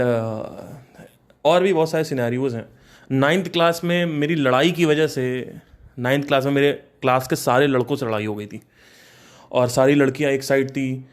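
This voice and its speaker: A young man from Kanpur, mid-range in voice, relates a story from his own life in an easygoing, animated style. English phrases creep in, and he laughs between lines.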